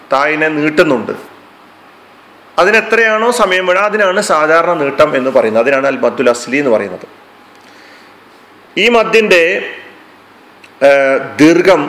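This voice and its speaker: A man's voice: on the high side, fairly bright tone, poor audio. A man teaching a Quran recitation class, explaining terms patiently and repeating them. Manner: fillers, restarts and hesitations. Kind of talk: classroom lesson.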